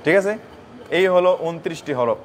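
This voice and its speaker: A man's voice: on the high side, a little hiss or hum. A man teaching a Quran recitation lesson, repeating points, asking questions and answering them himself. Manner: repeats and quizzes, answers his own questions; chants letters slowly in a sing-song. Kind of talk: tajweed lesson.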